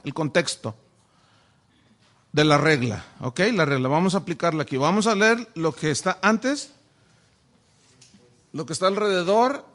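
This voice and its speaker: High-voiced preacher. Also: male voice, fairly bright tone. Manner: asks the audience many rhetorical questions. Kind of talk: sermon-style Bible teaching.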